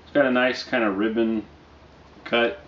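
A man in his thirties giving a casual, low-key product review to camera, speaking in a halting, unhurried way. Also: steady tone. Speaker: pipe tobacco reviewer. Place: small dim living room, indoors. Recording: dull, roomy sound with faint noise.

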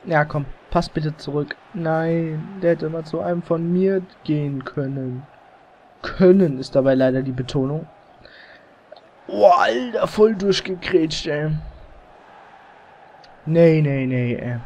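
A gamer with a slightly high voice talks through his match in loose, casual bursts. He gets excited and groans or swears when plays go wrong. The mic is slightly overdriven at times. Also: takes it slowly, long pauses, muffled recording. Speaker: let's play gamer. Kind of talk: casual live gameplay commentary. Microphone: headset or desk mic, slightly overdriven.

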